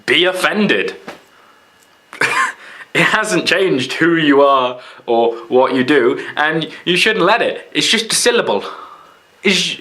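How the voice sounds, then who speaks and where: A man's voice: fairly high pitch, slow, long pauses. Blunt, sarcastic young British man. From Britain. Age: young adult. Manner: animated, swings into mocking quoted voices; blunt, sarcastic, swears freely. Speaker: vlogger. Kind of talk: unscripted casual vlog monologue.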